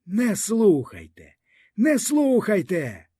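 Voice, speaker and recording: A man's voice: high-pitched, wildly swooping pitch, takes it slowly, mellow, breathy edge, dry recording, voice pushed up, exaggerated voice. A man voicing a desperate peasant leader who pleads with soldiers in an anguished, urgent way.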